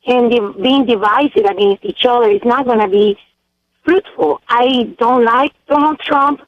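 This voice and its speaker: A woman's voice: fairly high pitch, measured pace. A woman from El Salvador calling into a radio show, speaking earnestly and hesitantly with many ums. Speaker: caller. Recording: tinny phone line.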